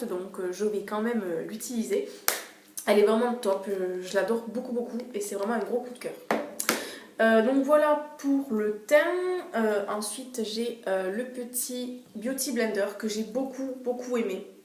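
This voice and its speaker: A woman's voice: mid-range voice, darkish tone. A young woman reviewing her favorite beauty products in a casual, hesitant way, full of fillers and repeated words, recorded in a room at home. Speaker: beauty vlogger. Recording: echoey room, faint noise.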